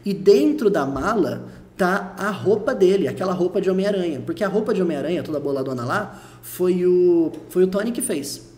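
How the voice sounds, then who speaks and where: A man's voice: high-pitched, animated, brisk, a little mellow. Patient Brazilian male teacher. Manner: patient, repeats points, checks in with "tá bom?". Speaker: English teacher. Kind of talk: explanatory lesson.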